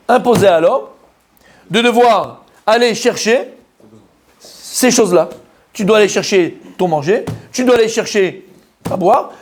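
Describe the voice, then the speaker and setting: Un rabbin qui donne un cours de Torah en français, avec un ton vivant et direct, entremêlé de mots hébreux. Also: male voice, high voice. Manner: animated, addresses listeners directly, mixes Hebrew terms into French. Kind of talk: Torah lesson, lively sermon.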